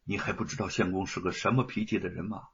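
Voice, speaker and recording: A man storyteller voicing a gentle, devoted young wife who speaks softly and soothingly, on a dull lo-fi recording. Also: sits low, fairly even intonation, fast talker, breathy edge, pitched below the performer's own voice, exaggerated voice. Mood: coaxing.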